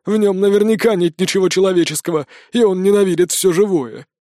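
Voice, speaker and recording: A man voicing a hostile gray-bearded old dwarf who shouts and speaks with contempt. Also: high voice, fast, no room sound, studio quality, voice pushed up, close to an everyday voice. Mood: angry alarm.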